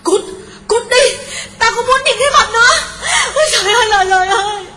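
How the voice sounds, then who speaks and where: A woman's voice: mid-range voice, expressive, moderate pace, lightly acted. A woman voicing a frightened, grief-stricken young village mother who sobs and wails as she speaks. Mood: hysterical. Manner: wailing, sobbing speech. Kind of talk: audiobook character voice. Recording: reverberant with background music.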